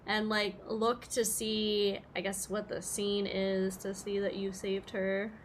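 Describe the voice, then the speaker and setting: A woman's voice: mid-range voice, completely flat delivery, takes it slowly, a little hiss or hum. A woman giving casual livestream game commentary in a chatty, rambling, slangy way. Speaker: game streamer.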